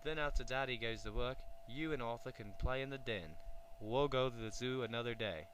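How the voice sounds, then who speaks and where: A man voicing a kind mother in a children's storybook, gentle and reassuring, with a faint hum. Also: mid-range voice, a little fast, close to an everyday voice, rough recording.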